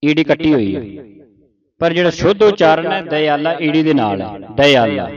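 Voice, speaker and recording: A man teaching the correct recitation of scripture, reading line by line and repeating words slowly for his students. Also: a little high, very animated, no echo, lo-fi sound. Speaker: Gurbani pronunciation teacher. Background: group of students.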